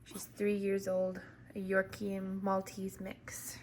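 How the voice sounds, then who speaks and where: A woman's voice: mid-range voice, completely flat delivery, takes it slowly, crowd noise. A young woman and mother chatting casually to the camera at home, rambling and giggling as she does chores. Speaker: vlogger and mother. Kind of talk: casual vlog chat to camera. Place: at home, indoors, in the kitchen.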